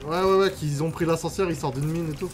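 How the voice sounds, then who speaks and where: A man's voice: a little high, fairly even intonation, fast. A man giving casual let's-play commentary as a gamer, slangy, sweary and grumbling. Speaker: gaming streamer. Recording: game music behind the voice.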